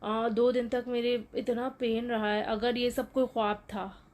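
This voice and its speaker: Woman retelling a scary experience. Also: unhurried. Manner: animated retelling, rising high when reliving fear; explains with gestures, frequent "theek hai" check-ins. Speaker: vlogger telling her own horror story. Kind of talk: casual storytelling vlog.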